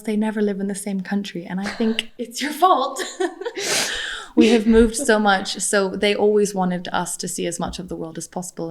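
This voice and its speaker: A woman's voice: mid-range voice, gravelly. A young adult woman, raised in Costa Rica, talking casually as a podcast guest, chatty and self-deprecating, laughing often. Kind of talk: casual interview conversation.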